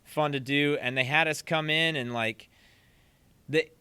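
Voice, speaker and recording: A man guest on a podcast telling stories in casual talk, animated and acting out quotes. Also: fairly high pitch, measured pace, clean tone, no echo. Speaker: podcast guest, percussion teacher. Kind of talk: casual interview storytelling.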